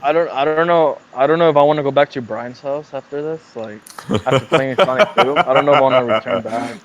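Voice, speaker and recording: A man chatting excitably as a podcast co-host over a voice call, swearing often. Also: medium pitch, fast, lo-fi sound. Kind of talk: casual chat. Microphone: online voice call.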